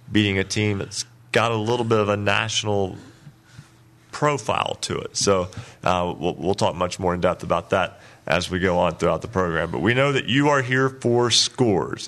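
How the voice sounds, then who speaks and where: On his high school sports radio show, a chatty host laughs frequently, his slightly bright voice a little rough from not getting enough sleep.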